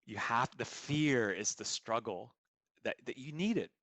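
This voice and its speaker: A man's voice: mid-range voice, lively intonation, a little slow, fairly bright tone, no room sound. A man being interviewed as a coach, explaining his ideas earnestly through stories and examples. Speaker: guest coach. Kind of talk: podcast interview answers.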